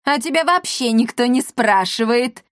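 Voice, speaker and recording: A woman's voice: fairly high pitch, animated, moderate pace, fairly bright tone, no room sound, clean studio sound, pitched above the performer's own voice. A woman voicing a nasty, scheming old male apothecary who sneers and threatens in an audiobook. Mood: sneering.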